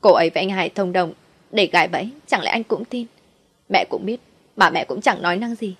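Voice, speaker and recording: A woman's voice: medium pitch, fairly quick, husky, lightly acted. Woman voicing a pleading tearful young wife.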